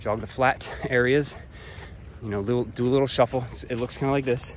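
Guy chatting on a trail walk, mid pitch, laid back, a little winded, crickets faint behind him. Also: a little fast, a little hiss or hum. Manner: relaxed, profane, talks between breaths while walking. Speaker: vlogger giving hiking tips. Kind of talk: casual talk while hiking. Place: outdoors on a rural trail. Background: crickets and insects.

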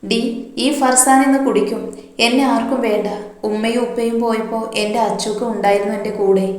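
A woman's voice: on the high side, fairly even intonation, a little fast, darkish tone, natural voice. A woman voicing a bitter, jealous young woman who is drunk and self-pitying. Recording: very echoey room.

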